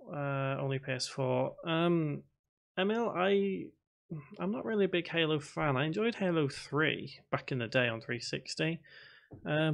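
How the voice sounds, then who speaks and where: A man with a fairly high, creaky voice and a fairly bright tone hosts a casual live stream, thinking aloud as he codes. He talks to himself while typing, reads chat questions out loud, and calls his own voice boring.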